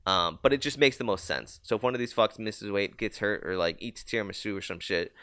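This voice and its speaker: A man's voice: fairly low pitch, brisk, sharp tone, dry recording, studio quality. A young man co-hosting a casual sports podcast, blunt and profane, rambling through fight talk. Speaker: podcast co-host.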